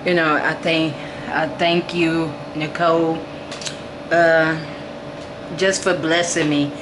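Slow, low-voiced woman cooing over her dolls. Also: flat delivery. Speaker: vlogger showing her reborn doll nursery. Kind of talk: casual chat to camera and to her dolls. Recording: noisy home recording with air conditioner hum.

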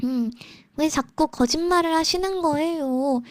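A woman live streams as a virtual idol, chatting casually with her viewers in a cute anime-streamer style that's playfully whiny and teasing. Her voice sits high and unhurried, with no room sound.

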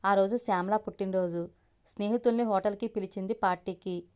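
A woman's voice: medium pitch, steady tone, a little fast, a little mellow, clear, resonant tone. A woman reading a story aloud as the channel's storyteller, narrating steadily in the first person.

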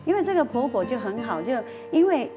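Taiwanese woman, lively storyteller, fairly high voice, music behind. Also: a little fast. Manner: acts out quoted voices, mixing in Taiwanese Hokkien phrases. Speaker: storyteller guest on a talk show. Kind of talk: animated anecdote telling.

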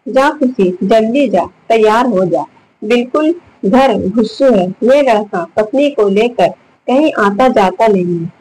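Storybook mother-in-law, affectionate and insistent, read by a woman, unhurried and higher-pitched. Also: lively intonation, darkish tone, husky, rough recording. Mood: coaxing. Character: doting middle-aged Indian mother-in-law, coaxing.

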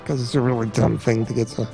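A man's voice: medium pitch, vocal fry, dark tone. A man chatting casually over gameplay in a laid-back way, mostly with short reactions. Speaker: co-commentator.

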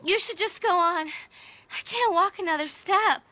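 A woman voicing an earnest, excitable teenage girl in a cartoon. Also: extremely high pitch, unhurried.

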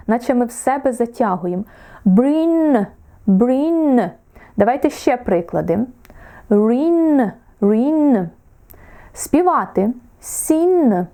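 A woman from Ukraine teaching English pronunciation in an online lesson, encouraging her students and drawing out each example word slowly. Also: a little high, dark tone.

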